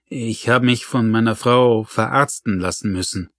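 A man's voice: fairly low pitch, moderate pace, fairly bright tone, dry recording, clean studio sound. A man voicing a weary village policeman. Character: weary male village policeman, middle-aged.

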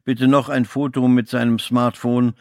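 A man reading a novel aloud as scripted audiobook narration, giving the characters' lines small shifts in pitch. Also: flat delivery, normal speed, no room sound, studio quality.

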